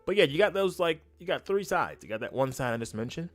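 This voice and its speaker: A man's voice: on the high side, expressive, quick pace. A man giving casual, opinionated livestream commentary as a host, speaking emphatically and often repeating his phrases for weight. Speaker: YouTube host and streamer.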